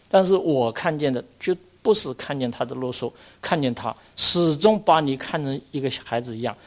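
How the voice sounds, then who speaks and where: An older man, a Buddhist monk, giving an earnest dharma lecture, exhorting his listeners and filling pauses with drawn-out sounds. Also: fairly high pitch.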